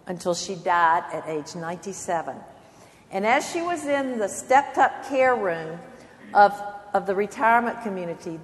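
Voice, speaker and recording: Older woman giving an earnest devotional talk. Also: medium pitch. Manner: earnest, emphatic, swells and drops in loudness. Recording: long hall reverb.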